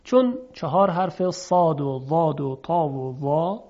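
Man teaching tajwid, slightly high voice. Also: animated, mellow. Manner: explanatory, asks and answers his own questions; demonstrates sounds by chanting them slowly. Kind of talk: Quran recitation lesson lecture. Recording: dull lo-fi recording.

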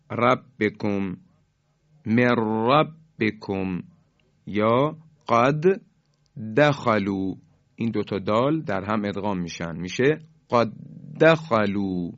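A man teaching Quran recitation on the radio, explaining each rule and slowing down to model the recited examples. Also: mid-range voice, dry recording, highs cut off.

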